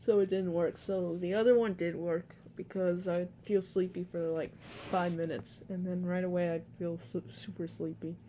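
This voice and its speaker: A woman's voice: on the low side, fairly even intonation, normal speed, mellow, slight background noise. Sleepy, rambling young woman vlogger. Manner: rambling, with fillers and yawns. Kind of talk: casual vlog talk.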